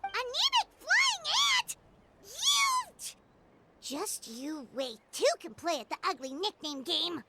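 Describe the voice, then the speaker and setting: A woman voicing a small, excitable female fairy companion in a video game, exclaiming and teasing. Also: very high voice, takes it slowly, heavy background noise, heavily acted. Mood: indignant. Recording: game audio with loud music.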